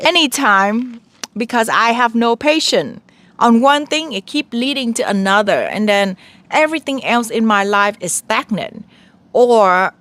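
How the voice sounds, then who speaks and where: A woman's voice: a little high, fairly bright tone. A woman in her thirties giving earnest spiritual advice in a casual monologue, talking straight to the viewer.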